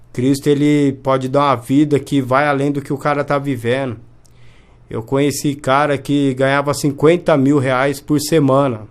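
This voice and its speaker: Earnest man, mid-range voice, testimonial interview delivery. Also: medium pitch. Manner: earnest, often asks "entende?".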